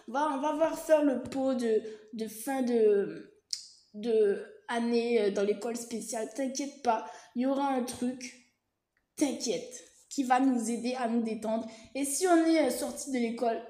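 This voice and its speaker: Speaking at a measured pace, the vlogger has a slightly high voice with a dark tone. She explains things informally to camera, hesitating, restarting and using lots of fillers, with reassuring side remarks, while the room adds noticeable echo.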